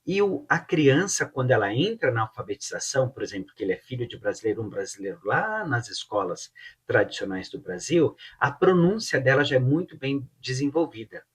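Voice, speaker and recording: Husky man teaching pronunciation. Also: mid-range voice, sing-song. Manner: slow, repeats words to model pronunciation. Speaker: Portuguese teacher. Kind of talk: explanatory lesson.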